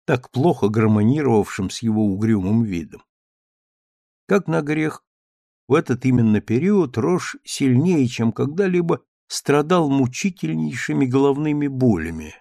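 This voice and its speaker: Gravelly male audiobook narrator. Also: mid-range voice, no room sound, clean studio sound. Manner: steady storytelling reading.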